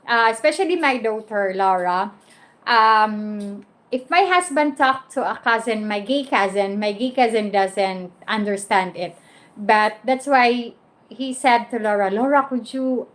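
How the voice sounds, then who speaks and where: A woman in her forties from the Philippines with a Filipino accent, chatting casually on her vlog, switching between Cebuano and English and laughing often. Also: a little high. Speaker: vlogger. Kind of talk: casual chat.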